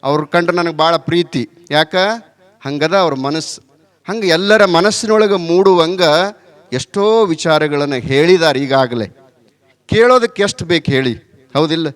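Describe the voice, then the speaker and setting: A man's voice: a little high, normal speed. A middle-aged man with a North Karnataka accent giving a folksy village sermon, chatty and often asking the crowd rhetorical questions. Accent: North Karnataka Kannada. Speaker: religious leader giving a blessing sermon.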